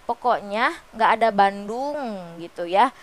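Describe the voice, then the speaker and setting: A woman's voice: medium pitch, expressive, a little slow. A young woman from West Java, sick with a cold and sounding nasal, chatting casually to her followers from her bed. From West Java, Indonesia. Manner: chatty, peppered with fillers. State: sick with a stuffy nose. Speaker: vlogger. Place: bedroom, on a bed.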